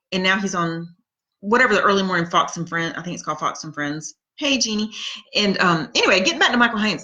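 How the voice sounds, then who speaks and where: Bright-voiced chatty woman. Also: mid-range voice, low-quality recording. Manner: chatty, rambling, laughs at her own stories. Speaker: podcast host reading live comments. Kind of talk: casual storytelling chat.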